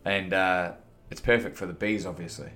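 A man's voice: deep voice, steady tone, moderate pace, sharp tone, soft background music. A man with a broad New Zealand accent chatting casually as a podcast guest, laid-back, slangy and matey. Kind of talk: casual chat.

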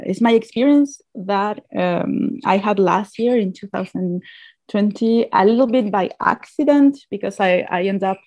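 A woman's voice: mid-range voice, measured pace, darkish tone, no echo, low-quality recording. A woman from Chile giving an explanatory talk, often restarting and repeating phrases. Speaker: guest speaker. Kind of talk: talk presentation.

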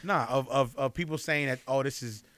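A man's voice: mid-range voice, a little fast, a bit bright, a little hiss or hum. A man co-hosting a podcast in casual chat, slangy and swearing, laughing often. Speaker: podcast co-host.

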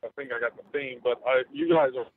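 A man's voice: mid-range voice, fast talker, dry recording. Man on a phone line cutting out. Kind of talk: casual chat. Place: in a car on the road. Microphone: phone call. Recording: tinny phone line with faint noise.

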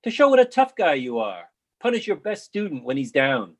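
Reading a part in a readers theatre play, this man plays a blunt, accusing college colleague who sympathizes with students. His voice sits on the high side and is very animated, moving at normal speed. He sounds accusing, with a challenging, colloquial, probing manner.

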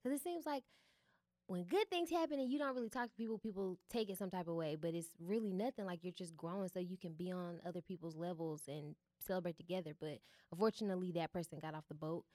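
A woman's voice: lowish voice, quick pace, no room sound. A young woman, chatting candidly as a guest in a studio interview, full of fillers. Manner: relaxed and candid, many fillers. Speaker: guest, artist and founder. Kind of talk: casual interview chat.

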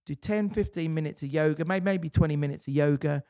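Man, podcast co-host, slightly high voice, rambling, dry close sound. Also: brisk, mellow, dry recording. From England. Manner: rambling, self-interrupting, swears casually. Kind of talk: casual podcast chat.

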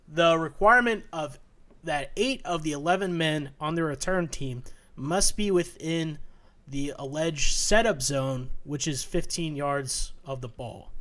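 A young man co-hosts a sports podcast in relaxed, everyday chat. He stops and restarts his sentences often and leans on fillers. His voice sits slightly high for a man. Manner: halting, many restarts and fillers. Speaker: podcast co-host.

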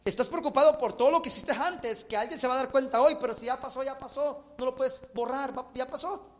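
A man's voice: very high-pitched, a little fast. A male pastor preaching a sermon with English words mixed into his talk, acting out little dialogues as he goes.

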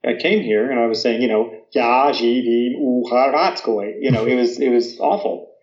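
Lo-fi and roomy, the audio captures an American guest in his thirties speaking at a normal speed in a mid-range voice with a darkish tone. He is chatty in this casual conversation, with many fillers, restarts and "you know."

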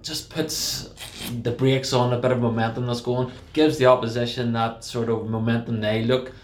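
A man's voice: medium pitch, level tone, a little hiss or hum. Man hosting, roomy echo. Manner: brisk, steers the talk and wraps up. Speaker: podcast host. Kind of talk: casual football podcast chat.

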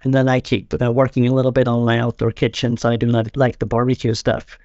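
A man's voice: mid-range voice, completely flat delivery, fast talker, darkish tone, no echo, lo-fi sound. A man from Sweden, a podcast guest, talking casually and often repeating words as he restarts. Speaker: guest, company founder.

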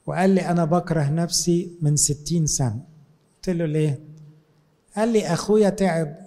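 A man's voice: a little high, warm tone. A man with an Egyptian Arabic accent, a priest giving a conversational sermon and acting out his talks with people. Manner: conversational, acts out dialogues with people.

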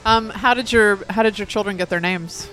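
A woman's voice: medium pitch, a bit bright, soft background music. A woman co-hosting a casual chat show, playful and jokey, asking guests questions at a restaurant table. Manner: playful, jokey, quick to laugh. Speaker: co-host. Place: restaurant with the show's crowd at a table.

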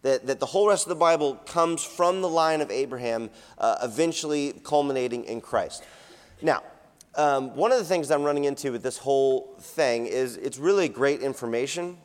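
A man's voice: mid-range voice, expressive, moderate pace, in a large hall. A man in his thirties, a school chaplain giving a chapel sermon in a conversational way, with many fillers and restarts.

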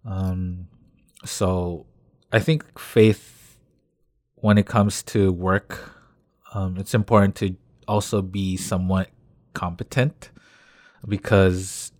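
A man's voice: sits low, fairly even intonation, slow, pauses often, darkish tone, no room sound, clean studio sound. A man from Canada co-hosting a casual chat, explaining his views at length with frequent fillers. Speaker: podcast co-host.

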